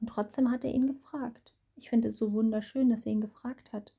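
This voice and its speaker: A woman gently guiding a child through a Bible story, prompting and encouraging in a casual storytelling manner. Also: a little high, fairly even intonation, fairly quick, creaky, slightly rough.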